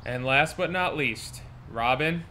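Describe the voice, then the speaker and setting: A stern, clipped schoolteacher with no patience for complaints, played by a man in an amateur audio drama. The voice sits a touch high, and the recording carries a steady hiss of noise underneath. He talks in short, dry orders. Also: moderate pace. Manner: stern, clipped, dryly exasperated. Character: strict, impatient male teacher on a school trip. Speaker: teacher chaperone.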